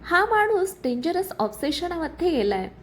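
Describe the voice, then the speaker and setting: A woman's voice: very high-pitched, big pitch swings, normal speed, a little hiss or hum, voice pushed up. A woman voicing a light-hearted young male office colleague in a story reading. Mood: quipping. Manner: light, quipping.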